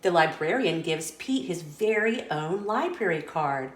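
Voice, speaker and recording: In a roomy-sounding space, a story host reads a children's picture book aloud, her fairly low female voice expressive and deliberate.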